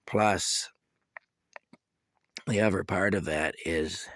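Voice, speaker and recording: A sick man with a cough, giving a casual, rambling video update from inside his camper, halting and restarting often. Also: low voice, fairly bright tone, no room sound. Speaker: vlogger giving a personal update.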